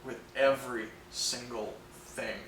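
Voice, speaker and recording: A man's voice: mid-range voice, fairly even intonation, unhurried, a bit bright. Male co-host, chatty film talk, distant room sound with faint hiss. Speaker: podcast co-host. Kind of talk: casual film discussion. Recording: roomy, distant mic, faint noise.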